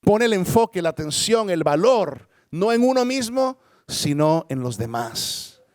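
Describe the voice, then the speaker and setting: Brief: male pastor, higher-pitched voice, dry close sound, emphatic sermon delivery with big swings. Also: very animated, a little slow, dry recording. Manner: emphatic, dramatic swings in pitch and loudness, rhetorical questions.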